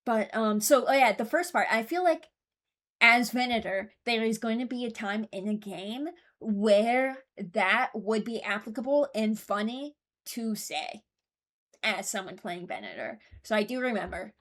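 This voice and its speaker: A young woman with a fairly high, slightly bright voice hosts a video, offering casual commentary on game voice lines at a measured pace. She rambles and often interrupts herself, as befits a streamer and video host.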